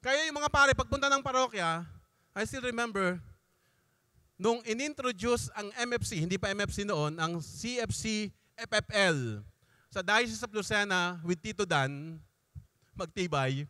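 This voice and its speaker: Priest, middle-aged, chatty sermon to young people, high bright voice, dry close sound. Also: male voice, expressive, a little slow, no echo. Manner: conversational preaching, mixing Tagalog and English, frequent asides. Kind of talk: sermon-style talk at a youth congress.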